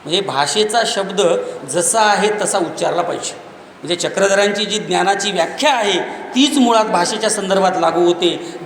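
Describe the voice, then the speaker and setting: A man delivers a lecture in a high, ringing voice. He builds his points through lists of examples and pushes his voice close to a shout when he stresses them. The sound is echoey and slightly distant, as if captured in a large hall, with a faint background hum. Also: normal speed. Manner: emphatic, rising to near-shouts on key points; explains by listing examples. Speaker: speaker on Marathi language and literature. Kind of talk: public lecture.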